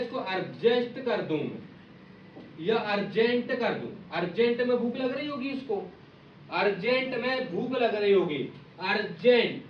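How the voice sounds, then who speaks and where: A male teacher giving an exam-prep lesson, playfully acting out little skits and asking again and again whether the students understood. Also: sits high. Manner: repeats "samjhe nahin samjhe?" to check understanding. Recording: echoey, distant, dull audio with faint noise.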